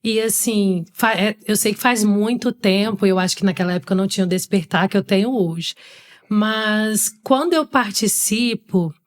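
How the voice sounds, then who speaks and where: A woman co-hosting a podcast, telling a personal story in a relaxed, conversational way. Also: mid-range voice, normal speed. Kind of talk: casual conversation.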